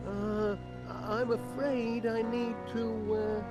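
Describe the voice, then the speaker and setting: An actor voicing a cheery, polite middle-aged inventor with a northern English accent in a video game, chirpy and genteel. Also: male voice, very high-pitched, little pitch movement, slow, loud music behind the voice. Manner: chirpy, genteel, eager to please. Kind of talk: video game character acting.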